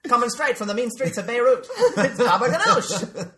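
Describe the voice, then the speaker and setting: A man's voice: very high-pitched, very animated, moderate pace, pushed and bright, pitched above the performer's own voice, heavily acted. A man voicing a flirty, showy male lounge singer who croons at his audience. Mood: smarmy.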